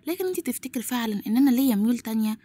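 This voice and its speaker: A proud young heir who speaks with curt scorn and an Egyptian accent, as a woman recapping the story puts him on. The lines come out in a rapid rush. The voice is slightly high and husky. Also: lively intonation, mellow. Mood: cold. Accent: Egyptian Arabic. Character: arrogant young male heir, cold and dismissive.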